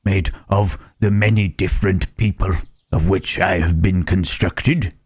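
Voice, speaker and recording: A man voicing a gentle, melancholy monster in an ASMR roleplay, speaking haltingly and pensively in formal phrases with questioning hums. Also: fairly even intonation, no echo, clean studio sound. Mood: musing, puzzled. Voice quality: low, husky. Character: gentle, melancholy Frankenstein's monster, male, pondering his soul.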